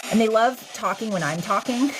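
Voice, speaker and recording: A woman hosts a casual livestream, chatting with viewers informally, using slang and swearing. Her voice is a little high at a moderate pace, and the recording carries clear hiss and static beneath noisy spirit box radio static.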